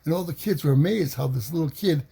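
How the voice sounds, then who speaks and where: A man telling a childhood story in an animated way, acting out the voices of the people in it. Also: fairly high pitch, fast talker, gravelly, husky. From New York City. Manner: animated, acts out quoted voices. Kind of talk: personal storytelling.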